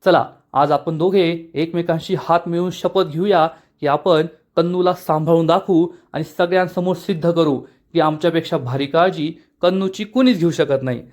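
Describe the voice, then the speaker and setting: Chiding, talkative young woman scolding her boss, read by a high-voiced male narrator. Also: normal speed, few pauses, a little mellow, lightly acted.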